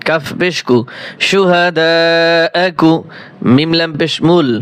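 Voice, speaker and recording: A man teaching Quran reading, spelling out each syllable slowly and deliberately and reciting verses in a drawn-out chant. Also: on the high side, fairly even intonation, smooth, no room sound.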